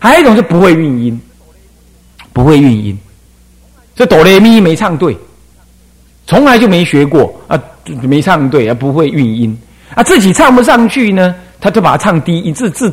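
Older man, lively husky dharma lecture. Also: fairly high pitch, a little fast. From Taiwan. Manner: demonstrates singing and chanting, animated and playful. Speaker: abbot teaching monastics.

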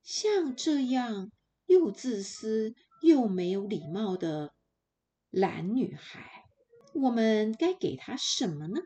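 Kindly forest dwarves for a kids' story, gentle and a bit halting, voiced by a woman narrator. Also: a little high, big pitch swings, highs cut off. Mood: coaxing. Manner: gentle, coaxing, a little stammering.

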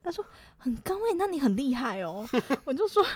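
A young woman, co-hosting a casual podcast and telling stories in an animated way, acting out quoted lines and laughing often. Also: high voice, fairly quick, husky, no room sound. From Taiwan. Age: young adult. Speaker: podcast co-host.

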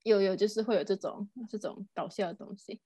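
A woman's voice: mid-range voice, fairly even intonation, brisk, warm tone, slightly rough, dry recording. A young Malaysian woman, co-hosting a podcast, chatting casually and laughing often. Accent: Hokkien-tinged Malaysian Mandarin. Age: young adult. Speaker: podcast co-host. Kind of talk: casual chat.

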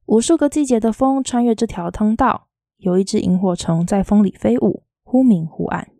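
Soft-spoken woman reading a novel. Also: medium pitch, moderate pace, vocal fry, no echo, studio quality. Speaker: audiobook reader.

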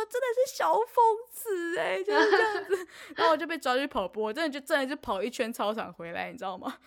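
A young woman, co-hosting a podcast and telling a story in casual chat, animated and laughing often. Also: a little high. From Taiwan. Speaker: podcast co-host.

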